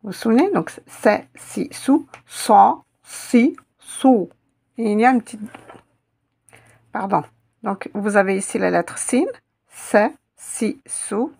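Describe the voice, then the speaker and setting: A woman teaching an Arabic letter in a slow, step-by-step lesson, patiently repeating sounds for her students. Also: mid-range voice, vocal fry, mellow, breathy edge.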